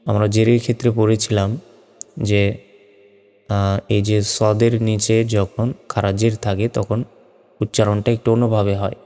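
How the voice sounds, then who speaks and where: A man's voice: lowish voice, level tone, normal speed, long pauses, warm tone, long reverb tail. A man teaching Quran reading, patiently drilling Arabic letters and their long vowels one by one. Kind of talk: slow step-by-step Arabic letter pronunciation lesson.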